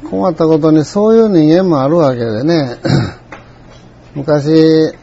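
An older man with a Kansai accent telling a rambling, reflective story in a folksy way, often clearing his throat. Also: fairly high pitch, takes it slowly, mellow, muffled recording. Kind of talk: reflective monologue.

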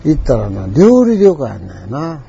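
Brief: older Kansai man, gravelly and dark, rambling reminiscence, muffled lo-fi recording. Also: mid-range voice, huge pitch swings, moderate pace, a little hiss or hum. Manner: rambling, chuckling anecdotal telling. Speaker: storyteller. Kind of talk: casual spoken reminiscence.

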